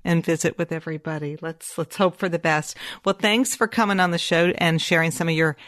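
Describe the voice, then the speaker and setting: A woman's voice: lowish voice, steady tone, fairly quick, a bit bright, no echo. Woman hosting a podcast, dry sound. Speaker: podcast host. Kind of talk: casual podcast chat.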